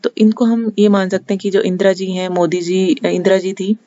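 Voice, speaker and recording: A teacher with a Haryanvi accent walks through memory tricks for a general knowledge lesson, patiently restating each point with frequent pauses. The voice sits at an ordinary middle pitch. The recording is dull and lo-fi with a dry, close sound. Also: flat delivery, warm tone, dry recording. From Haryana, India.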